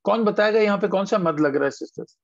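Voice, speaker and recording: High gravelly-voiced male tajweed teacher, patient, dull lo-fi call sound. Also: no echo. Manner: patient, asks students questions, drawn-out model words. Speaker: Quran recitation teacher. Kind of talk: online tajweed class. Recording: dull lo-fi online call audio.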